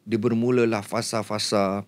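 A man's voice: lowish voice, level tone, moderate pace, no room sound. A man with a Malaysian Malay accent, a podcast guest earnestly recounting a near-death experience in casual chat, hesitant and emotional.

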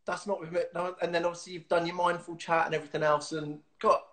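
Speaking through a webcam on a video call, this host is a man in his thirties running a casual interview from a small room at home. His voice is a little high and fairly bright, with little pitch movement, and he talks fast. Chatty and giggly, he uses lots of fillers and restarts.

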